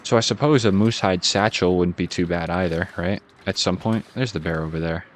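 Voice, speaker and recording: Laid-back deep-voiced man with a Boston accent. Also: a little fast, a little hiss or hum. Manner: laid-back, musing aloud, chuckles at himself. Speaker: gaming channel host. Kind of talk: casual relaxed gameplay commentary.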